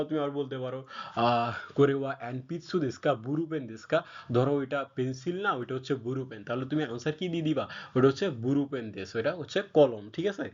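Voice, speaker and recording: A man's voice: medium pitch, darkish tone, muffled recording. Patient man teaching a language lesson. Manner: patient, frequent fillers and check-ins. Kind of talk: casual explanatory lesson.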